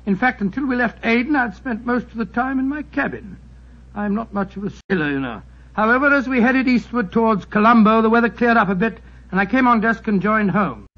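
A bumbling older doctor, high-pitched and fussy, dull radio sound. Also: male voice, expressive, brisk, exaggerated voice. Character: genial older male doctor, storyteller. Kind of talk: 1940s radio acting. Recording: dull old radio broadcast with music.

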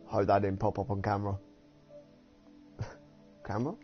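A man's voice: fairly low pitch, level tone, normal speed, faint music behind. A man from the UK giving rambling, giggly casual commentary while streaming a game. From United Kingdom. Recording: dull lo-fi streaming audio.

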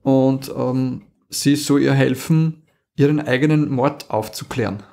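A medium-pitched, gravelly man speaks unhurriedly as a podcast co-host in casual chat about audio dramas. He's lively, laughs often as he recounts a story, and restarts sentences.

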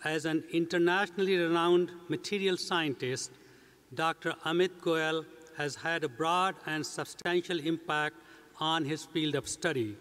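An older man, a university president, giving a measured, scripted formal speech at a commencement ceremony. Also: on the high side, a bit bright. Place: large indoor commencement stage. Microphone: podium mic. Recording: long reverb of a big hall.

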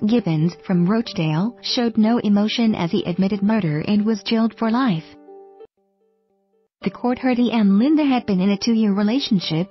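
Woman reading a news report flatly. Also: mid-range voice. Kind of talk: scripted news narration. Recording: dull lo-fi audio with faint music.

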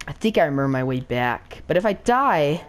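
A woman playing a game with a friend, talking excitedly and nervously through every move in casual chat. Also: sits low, brisk, a little hiss or hum. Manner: frantic, excitable, talks through each move aloud. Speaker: gaming channel co-host. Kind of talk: casual let's play chat.

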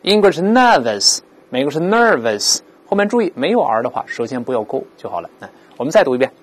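A man teaching an English vocabulary lesson, explaining words with rhetorical questions and slowly repeating them aloud for pronunciation practice. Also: medium pitch, very animated, darkish tone, breathy edge.

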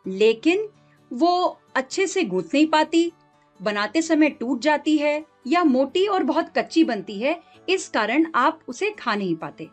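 Female show host, somewhat high voice, smooth and inviting, light music bed. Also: big pitch swings, a little slow. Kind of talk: presenter voice-over.

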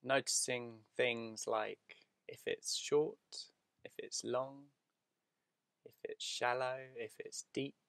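A man guides a meditation in a soothing, unhurried way, using short phrases separated by long pauses. His medium-pitched voice is steady and a bit bright, with vocal fry, in a dry recording.

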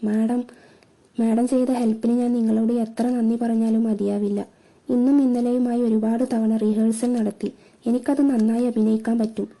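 A woman's voice: a little high, flat delivery, moderate pace, mellow, low-quality recording. A woman voicing an eager, grateful young man who politely calls his boss madam. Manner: earnest, polite, addresses her as madam.

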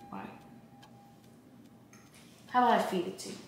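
A woman vlogger doing a playful skit with her girlfriend, deadpan and prone to sudden shouts. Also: normal speed, very echoey, background noise. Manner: deadpan, then bursts into shouting.

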